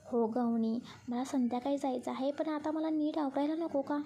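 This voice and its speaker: A woman's voice: high-pitched, level tone, moderate pace, warm tone, muffled recording. A woman voicing a bubbly young woman who pleads, hurries and gets shy in a storybook reading.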